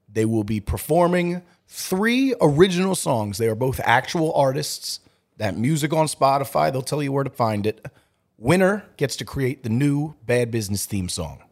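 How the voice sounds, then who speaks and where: A man hosting a casual podcast, animated and teasing, often laughing. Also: mid-range voice, normal speed. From Italian-American. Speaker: podcast producer and host.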